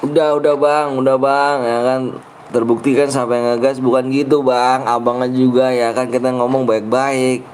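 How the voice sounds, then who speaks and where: A man's voice: mid-range voice, little pitch movement, moderate pace, darkish tone, a little hiss or hum. A young man with a Betawi accent streaming a game, grumbling and bickering with his chat in slangy casual talk. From Jakarta, Indonesia.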